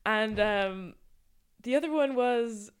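A woman's voice: a little high, slow pace, clear, resonant tone. A young woman from Ireland, co-hosting a podcast in casual chat and laughing often. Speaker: podcast co-host.

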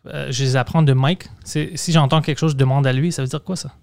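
A man's voice: medium pitch, steady tone, fast, darkish tone, no room sound. A man hosting a podcast in casual chat, speaking French as a second language after English. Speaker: podcast host.

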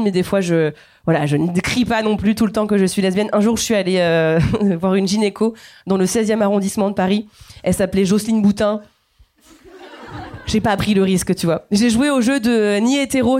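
On a comedy stage, a woman in her thirties from Guadeloupe does playful, chatty stand-up and addresses the audience directly. She speaks in a medium-pitched, slightly mellow voice.

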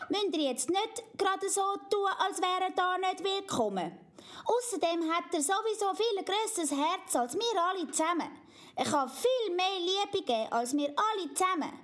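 A woman's voice: extremely high pitch, expressive, unhurried, pitched above the performer's own voice. A woman with a Swiss German accent voicing a small girl princess, eager and stubborn, in a storybook reading, with a pleading manner.

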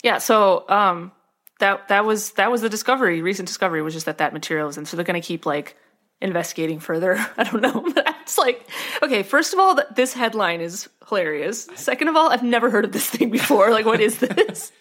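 A woman's voice: medium pitch, expressive, brisk, fairly bright tone. A woman co-hosting a podcast, reading a science article aloud in casual chat and breaking into giggles. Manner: giggly, keeps breaking into laughter; chatty with many fillers. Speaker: podcast co-host.

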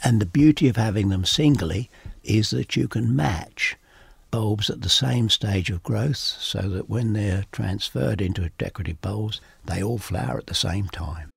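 A man hosting a podcast, chatty and relaxed, husky from a summer cold, giving practical gardening advice. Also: on the low side, measured pace, no echo. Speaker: podcast host. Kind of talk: casual gardening chat.

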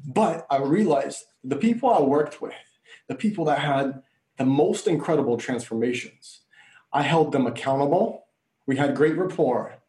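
A man's voice: a little high, animated, moderate pace, mellow, reverberant. A man from Bulgaria, a native Bulgarian speaker, telling his story earnestly as a coach and speaker in an interview. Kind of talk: conversational interview.

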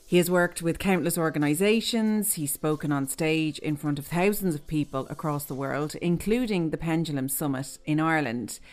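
A woman hosting an interview podcast, introducing her guest in a clear, measured way before asking questions. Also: sits low, a little mellow. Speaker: podcast host. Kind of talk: scripted introduction then interview.

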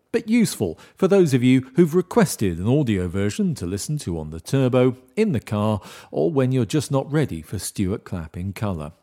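A man's voice: mid-range voice, mellow. A man reading a scripted podcast introduction in a wry manner. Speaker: podcast announcer.

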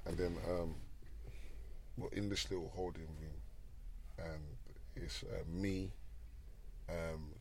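South london roadman guy chatting casual stories in slang, low voice, bit of noise behind him. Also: steady tone, slow, pauses often. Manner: roadman way of talking with frequent "you get me" tags. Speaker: interview guest, former garage MC and rapper.

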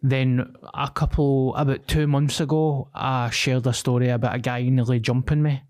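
A man's voice: mid-range voice, level tone, moderate pace, a little mellow. A man with a Glaswegian accent, co-hosting a podcast and casually telling sweary anecdotes in slang, drawing the story out. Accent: Glaswegian Scottish. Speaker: podcast co-host.

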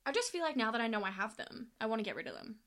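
A woman's voice: on the high side, very animated, rapid-fire, a bit bright. A young woman, a guest on a friend's podcast, casual and giggly. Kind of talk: casual chat.

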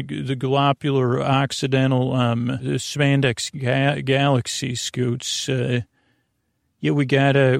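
A podcast host with a creaky, mid-range voice leads a sleep podcast in clean studio sound with no room noise. His bedtime monologue meanders and halts, full of soothing tangents and gentle whimsy.

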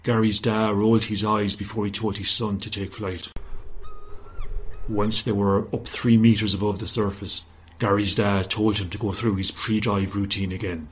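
A man narrating a children's story in a gentle, steady manner. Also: fairly low pitch, normal speed, slight background noise, rough recording.

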